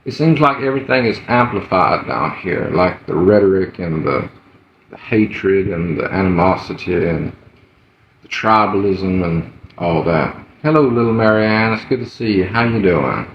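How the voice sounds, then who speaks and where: A man with a low, expressive voice and a Southern US accent hosts a livestream from a room at home, greeting viewers and chatting in a rambling, folksy way at a moderate pace. The audio is muffled, roomy, and slightly noisy.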